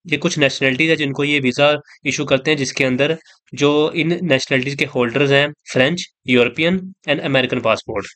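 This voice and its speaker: A man talks through his explainer vlog in a loose, conversational way, circling back over his points and sprinkling in English words. His voice sits at an ordinary middle pitch. The sound is dry and close, with no room echo. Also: a bit bright. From Pakistan. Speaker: vlogger. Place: in Saudi Arabia.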